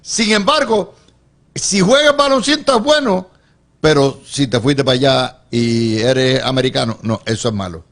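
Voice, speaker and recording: A middle-aged man, hosting a political panel discussion and often jumping in to steer the talk. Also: medium pitch. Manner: lively, quick to interject and steer the talk. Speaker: panel show host.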